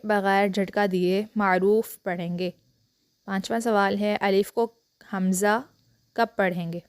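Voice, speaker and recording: A woman, teaching a Quran reading lesson step by step and drawing out letter sounds clearly. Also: mid-range voice, dry recording, studio quality. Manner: slow, drawn-out letter recitation and clear explanation.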